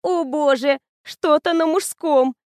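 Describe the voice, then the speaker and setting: A woman reading the lines of a lively young woman student who teases her friend in an audiobook. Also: high voice, normal speed, no room sound, studio quality, pitched above the performer's own voice. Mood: teasing. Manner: bubbly, teasing, animated.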